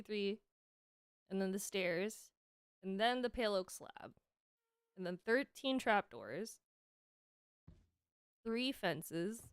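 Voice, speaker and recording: A woman's voice: mid-range voice, a bit bright, smooth, dry recording, studio quality. A young woman streaming a game, chatting casually, giggling often and sometimes talking with her mouth full. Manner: chatty, giggly, talks while eating.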